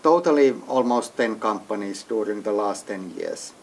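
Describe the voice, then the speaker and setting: Man, hesitant measured speech. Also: lowish voice, expressive, a little hiss or hum. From Finland. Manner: hesitant, restarts often, non-native phrasing. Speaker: entrepreneur, interviewee. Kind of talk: business interview. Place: executive briefing center.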